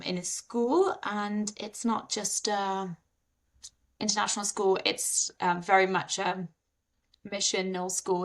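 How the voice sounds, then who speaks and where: A woman in her thirties, a guest talking frankly and loosely about her life. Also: mid-range voice. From Wales. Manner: frank, relaxed, rambling with fillers. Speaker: podcast guest, dorm parent and teacher. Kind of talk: casual interview chat.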